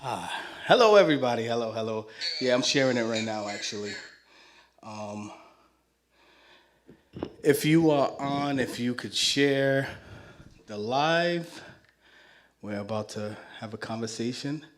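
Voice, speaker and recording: A man's voice: mid-range voice, lively intonation, measured pace, long pauses. A man hosting a live community talk show, out of breath, upbeat and loose, often repeating himself. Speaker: host.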